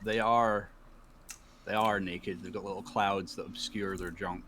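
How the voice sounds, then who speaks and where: A man narrating as the dungeon master of an online tabletop game, laughing easily and pausing with fillers as he describes the action. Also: sits low, little pitch movement, fairly bright tone, a little hiss or hum. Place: online voice call.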